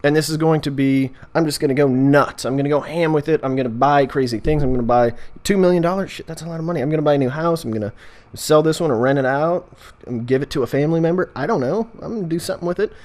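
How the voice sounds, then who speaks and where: A man's voice: fairly high pitch, fast talker, few pauses, darkish tone. A man with an American accent chatting casually as a video host, rambling in a jokey way and often interrupting himself. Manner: jokey, meandering, self-interrupting. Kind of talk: casual rambling vlog chat.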